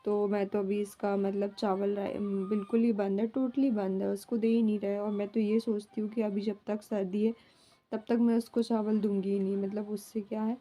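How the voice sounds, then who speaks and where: A young mother talking to camera at home in a loose, rambling vlog chat, leaning on little filler words as she goes. Her voice sits at a middling pitch for a woman. The delivery stays homely and unpolished. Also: flat delivery, normal speed, warm tone, faint music behind. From India. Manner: rambling and homely, fills with "matlab". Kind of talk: casual chatty home vlog.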